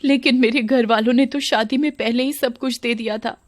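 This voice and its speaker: A woman's voice: fairly high pitch, fairly even intonation, moderate pace, no echo, clean studio sound, voice pushed up, lightly acted. A woman voicing a meek, mistreated young bride who speaks timidly. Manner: timid, pleading.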